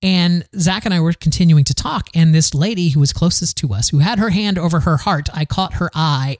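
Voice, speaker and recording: A man's voice: a little high, a little mellow, no echo. Man, southern-born podcast host, casual solo monologue, rambling and candid, dry close sound. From American South. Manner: candid, rambling, frequent restarts and fillers.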